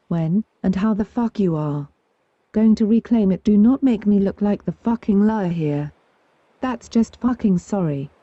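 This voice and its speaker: A woman reading forum posts aloud at a steady pace, spelling out abbreviations letter by letter. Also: medium pitch, no room sound. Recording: dull, lo-fi dry recording.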